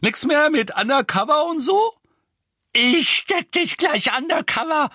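Mrs Figg, shrill scolding old woman voiced by a man. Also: big pitch swings, moderate pace, breathy edge, no room sound, studio quality, exaggerated voice. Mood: furious shrieking. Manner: screeching, scolding.

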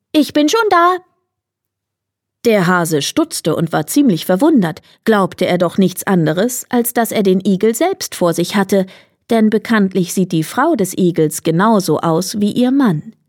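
Lady reading a fairy tale out loud, calm and even, dry close mic. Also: medium pitch, moderate pace, no echo. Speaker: storyteller.

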